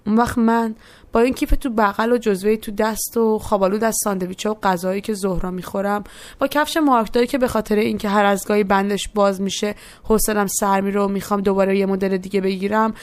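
A woman's voice: medium pitch, fairly even intonation. A young woman narrating a personal story in a reflective, first-person way. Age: young adult. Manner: reflective, quotes others in voiced asides.

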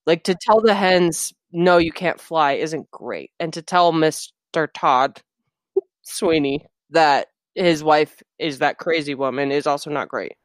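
A woman's voice: deep voice, unhurried, no echo. A young woman co-hosting a podcast, chatting and analysing films in a casual way, swearing now and then. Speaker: podcast co-host. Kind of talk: casual film discussion.

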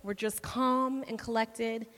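A woman's voice: fairly high pitch, steady tone, slow pace, a bit bright. Chatty woman preaching in a reverberant hall. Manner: chatty, laughing, asks the audience questions. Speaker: church speaker. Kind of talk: sermon. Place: church hall.

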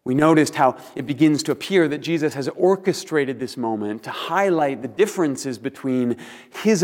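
A man's voice: medium pitch, darkish tone. Male pastor preaching in a reverberant hall. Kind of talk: sermon, measured and earnest. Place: large empty room indoors.

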